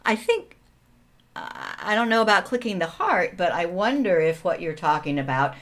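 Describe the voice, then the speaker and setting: A woman's voice: fairly low pitch, huge pitch swings, normal speed, a bit bright. A woman co-hosting a casual video call who thinks aloud and corrects herself as she goes. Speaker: co-host. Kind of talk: casual webinar chat. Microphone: video call mic.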